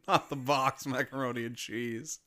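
A man's voice: medium pitch, fairly even intonation, a little slow, sharp tone. A young man co-hosting a podcast, chatting casually and joking around with frequent laughs. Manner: jokey, rambling, laughs often. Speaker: podcast co-host. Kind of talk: casual chat.

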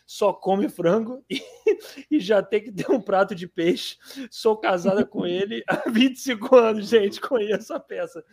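A man's voice: sits high, unhurried, gravelly, a little mellow. A man, hosting a casual chat with slangy, exclamatory reactions.

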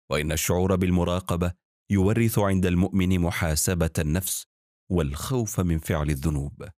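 A man narrating religious stories in a measured, even storytelling delivery. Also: sits low, dry recording, studio quality.

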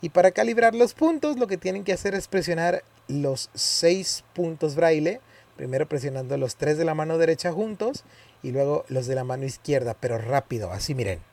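A man's voice: fairly high pitch, expressive, moderate pace, gravelly, a little mellow. A man giving a casual spoken tutorial, hesitant and often correcting himself as he demonstrates. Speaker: tutorial presenter.

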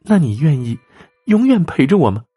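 A man voicing a vengeful young female ghost who haunts a puppet, sweet on the surface and shrill and accusing underneath. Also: big pitch swings, moderate pace, dark tone, breathy edge, faint music behind.

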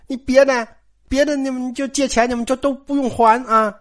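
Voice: high-pitched, steady tone, normal speed, voice pushed up, close to an everyday voice. A storyteller putting on a sly, sweet-talking noblewoman. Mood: coaxing. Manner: sweet-talking, coaxing, then sharp and scolding. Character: sly, smooth-talking noblewoman steward of a great house. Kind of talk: storyteller acting a character.

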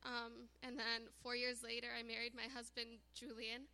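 A woman sharing her personal testimony in church, earnest and halting with frequent fillers. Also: on the high side, monotone, pushed and bright, clean tone, big-room sound. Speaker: church member giving testimony.

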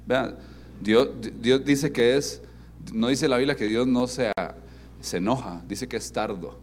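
A man preaching a sermon as pastor, animated and interactive, asking his congregation questions and dropping to soft, emphatic tones. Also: medium pitch, measured pace, a little hiss or hum. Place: church service with congregation.

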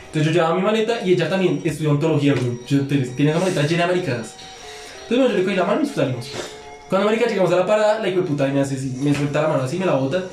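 A man's voice: a little high, animated, rapid-fire, darkish tone, reverberant, soft background music. A young man telling a long story among friends, slangy and profane, acting out both sides of a quarrel. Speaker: podcast guest.

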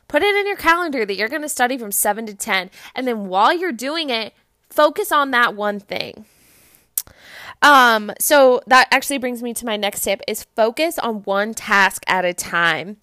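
A woman's voice: on the high side, sharp tone, no echo, clean studio sound. A young woman hosting a podcast, giving motivational tips in a casual, chatty way, often saying "like". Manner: chatty, fills talk with "like". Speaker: podcast host.

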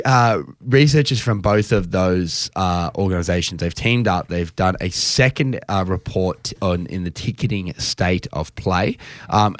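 A man's voice: low voice, dry recording. A man co-hosting a podcast, chatting casually in a rambling way, often breaking off his sentences for jokey asides. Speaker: podcast co-host. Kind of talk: casual chat.

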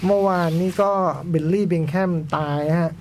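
A man's voice: high voice, steady tone, normal speed, a little mellow, slight background noise. A man co-hosting a podcast in casual chat, bantering and teasing his co-hosts. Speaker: podcast co-host.

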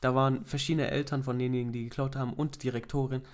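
A man's voice: mid-range voice, flat delivery, fast, slight background noise. A young man in casual chat, telling anecdotes in slangy speech full of swearing. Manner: slangy, storytelling, swears with "Alter".

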